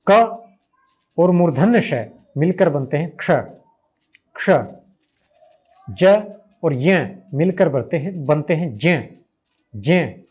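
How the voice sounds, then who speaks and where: A man with a Hindi accent teaches a grammar lesson at a very unhurried pace. He repeats each sound carefully so learners can follow. The recording is slightly dull and lo-fi. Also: a little high, expressive, a little mellow, breathy edge. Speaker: Sanskrit teacher. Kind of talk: slow spoken grammar lesson.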